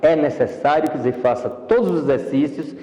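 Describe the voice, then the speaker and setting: A man's voice: on the high side, a little fast, warm tone, echoey room, long reverb tail, dull audio. A man with a Brazilian Portuguese accent teaching a public speaking course in a didactic, explanatory way, recorded in a studio. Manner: didactic, explanatory, demonstrates voice tones.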